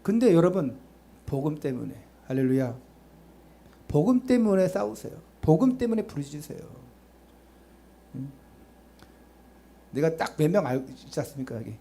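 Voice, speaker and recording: A man's voice: on the high side, big pitch swings, normal speed, pauses often, mellow. A male pastor preaching a sermon, urging the congregation with rhetorical questions and chatty asides to them.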